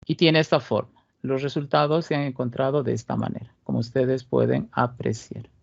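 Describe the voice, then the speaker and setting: In a recorded statistics class, a man with a Cochabamba accent teaches methodically, tossing out rhetorical questions and regular "¿listo?" check-ins. His gravelly voice is medium in pitch, and he talks at a moderate pace. The audio is dry, with the high frequencies cut off.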